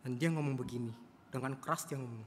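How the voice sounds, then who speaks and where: A man's voice: mid-range voice, quick pace. A male preacher telling a story in a church sermon, often addressing the congregation. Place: church service. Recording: long church hall reverb.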